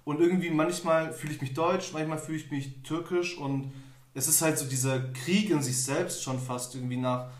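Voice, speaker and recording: A man's voice: on the high side, fairly even intonation, normal speed. A young man from Germany hosting a podcast, telling stories in a loose, rambling way full of fillers. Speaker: podcast host. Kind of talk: casual podcast conversation. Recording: echoey room, somewhat off-mic.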